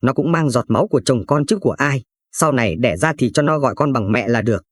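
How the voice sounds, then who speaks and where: A man's voice: mid-range voice, fast talker, no echo, natural voice. Man reading a stern old grandmother. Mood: scolding. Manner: scolding, bossy.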